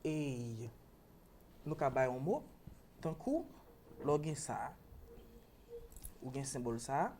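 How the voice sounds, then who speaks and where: A woman's voice: very deep voice, sing-song, a little slow, long pauses, mellow, a little hiss or hum. A Haitian woman teaching English pronunciation on a talk show, explaining patiently and checking in with a repeated "ok?".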